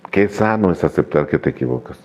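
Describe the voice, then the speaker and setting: Deep-voiced man, earnest testimony. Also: expressive, a little fast, darkish tone. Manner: earnest, repetitive, confessional. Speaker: recovering member sharing his story. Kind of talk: personal testimony at a recovery meeting. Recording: dull lo-fi radio recording.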